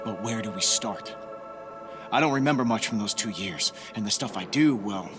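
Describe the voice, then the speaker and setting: An actor playing a brooding, guilt-ridden soldier turned hero in a video game, weary but loyal, with a grave, understated delivery. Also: male voice, fairly low pitch, lively intonation, moderate pace, over music, lightly acted. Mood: guarded, low-key. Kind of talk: cinematic video game acting and narration.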